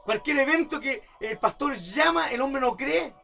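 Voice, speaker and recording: A man's voice: extremely high pitch, normal speed, gravelly, pushed and bright, faint music behind. A man preaching a sermon as pastor, repeating rhetorical questions and building to emphatic outbursts. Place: church service.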